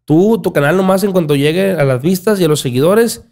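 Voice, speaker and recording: Animated young Mexican man, Sinaloa accent. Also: high voice, fairly quick. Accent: Sinaloa Mexican Spanish. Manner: animated, gestures a lot, repeats and restarts words. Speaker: podcast guest, content creator. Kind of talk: casual chat. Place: small dark podcast studio. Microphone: studio mic on boom arm, headphones.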